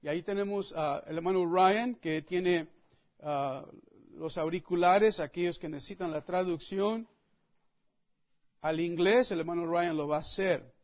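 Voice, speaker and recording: A man preaching a sermon, reading scripture and praying in a slow, deliberate way with emphatic pauses. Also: high voice, highs cut off. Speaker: pastor.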